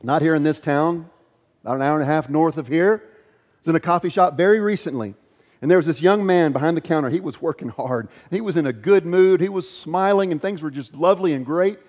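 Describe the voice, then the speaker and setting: Guy preaching a sermon, kinda high voice, earnest, asks the room questions, long hall echo. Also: brisk, a little mellow. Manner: earnest, questioning, reads scripture aloud. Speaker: pastor.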